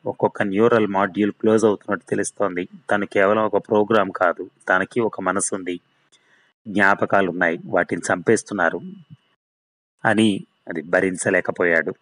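Guy reading a story out, low voice, dry close mic, steady. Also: dry recording, rough recording. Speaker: story reader. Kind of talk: scripted story narration.

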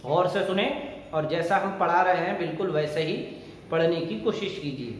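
A male teacher leading a Quran recitation lesson, chanting verses slowly and then explaining quickly. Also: a little high, a little hiss or hum. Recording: very echoey room with long reverb.

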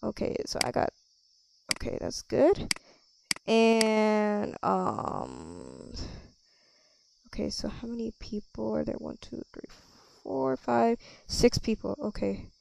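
A woman role-playing a cafe server in a game, chatting with customers and thinking out loud with lots of ums. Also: mid-range voice, very animated, takes it slowly, gravelly, pauses often, slight background noise. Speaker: player running a cafe. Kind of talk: casual game role-play.

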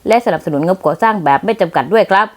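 A woman's voice: mid-range voice, expressive, very fast, lightly acted. A woman voicing a dutiful male assistant who reports in a formal, matter-of-fact manner, in a manga dub.

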